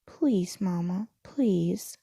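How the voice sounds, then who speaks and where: A woman voicing an eager, wide-eyed young boy kangaroo in a storybook, excitable and pleading. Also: lowish voice, drawn-out words, creaky, slightly rough, no echo, clean studio sound, full character voice. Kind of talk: storybook read-aloud.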